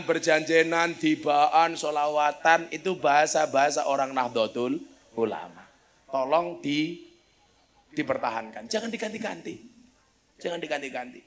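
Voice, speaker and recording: High, bright-voiced joking preacher. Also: male voice. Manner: jokey, animated, breaks into chanted Arabic recitation. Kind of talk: humorous sermon with storytelling.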